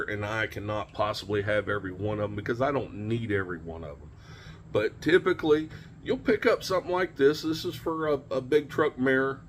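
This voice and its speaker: Outdoors in a home driveway by a pickup truck, a man in his forties who hosts CB radio tips videos walks through an informal, plain-spoken demonstration, repeating the main points. His voice sits at medium pitch, with slight background noise.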